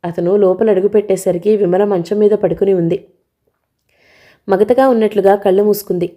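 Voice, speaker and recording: A woman reads a novel aloud at an even storytelling pace. Her voice is very dark and mellow, with a pitch in the middle range for a woman. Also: brisk. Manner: steady storytelling reading. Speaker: audiobook narrator. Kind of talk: scripted narration.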